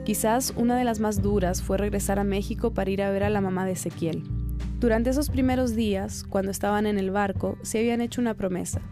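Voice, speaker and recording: A woman reporter giving calm, measured, scripted narration of a true story. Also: mid-range voice, music in the background.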